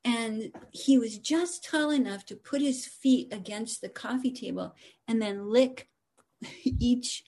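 Speaking from her home, a woman guest storyteller shares casual personal anecdotes in an animated, humorous way. Her voice is a little high and her pace slow.

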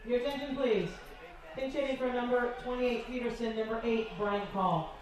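A woman making a formal public address announcement, heard over a stadium loudspeaker from far off. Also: on the high side, steady tone, normal speed. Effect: heard over a stadium loudspeaker, picked up from far off.

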